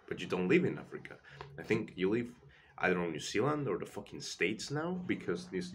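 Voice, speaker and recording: A man's voice: low voice, a bit bright, breathy edge. A man giving a profane, heated, rambling rant as a sports vlogger. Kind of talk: casual rant.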